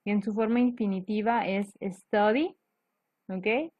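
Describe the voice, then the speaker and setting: A woman's voice: mid-range voice, takes it slowly, no room sound. A woman teacher explaining grammar rules step by step, patiently checking in with her students. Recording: dull lo-fi dry recording.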